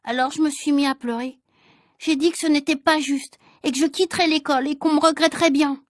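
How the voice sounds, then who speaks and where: A woman reading a children's storybook aloud clearly and expressively, at a measured pace for shadowing practice. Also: high voice, fairly even intonation, no room sound, clean studio sound. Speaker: reader.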